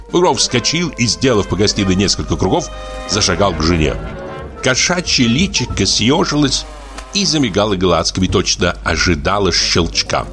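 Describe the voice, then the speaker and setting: A man narrating a literary audiobook with an expressive, lively reading. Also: lowish voice.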